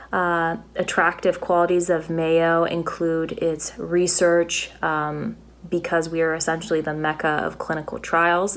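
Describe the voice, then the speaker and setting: A young woman from California, a first-year surgical resident, giving an earnest recorded testimonial. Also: low voice. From California, USA. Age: young adult.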